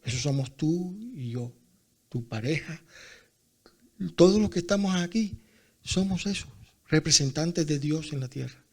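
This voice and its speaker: A man preaching a sermon in church. His voice sits fairly high for a man, and he speaks slowly and deliberately. He builds from storytelling up to forceful, emphatic proclamations. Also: expressive, slightly rough. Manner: tells personal stories with acted dialogue, building to loud emphatic declarations.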